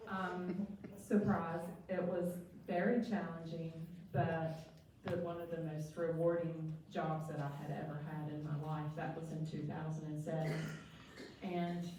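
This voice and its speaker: Middle-aged woman, Appalachian accent, lowish pitch, informal self-introduction at a meeting, heard in a very reverberant room. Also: level tone, unhurried. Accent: Appalachian (West Virginia). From West Virginia. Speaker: nursing home administrator introducing herself. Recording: very echoey hall, distant mic, faint noise.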